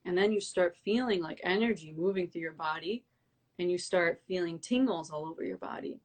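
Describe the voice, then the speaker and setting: A young woman guest, a breathwork coach, telling her story in a casual interview with many "like"s and animated retellings of her own thoughts. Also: fairly low pitch, brisk. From Albanian heritage.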